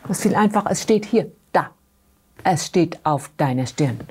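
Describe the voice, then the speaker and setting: A middle-aged therapy practitioner tells stories in an interview to explain her thinking, asking the listener questions along the way. She speaks at a normal speed in a lowish, dark, animated voice, with slight background noise.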